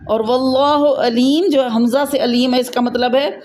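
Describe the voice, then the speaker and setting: A woman's voice: high voice, fairly even intonation, a little mellow, slight background noise. A woman with a Pakistani Urdu accent teaching a Quran recitation lesson to a student, patiently explaining and checking that she understands.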